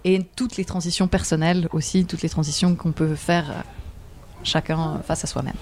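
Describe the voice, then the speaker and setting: Hesitant woman, low mellow voice. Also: steady tone, normal speed, slight background noise. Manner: hesitant, many fillers, laughs often. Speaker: theatre director, guest. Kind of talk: casual radio interview.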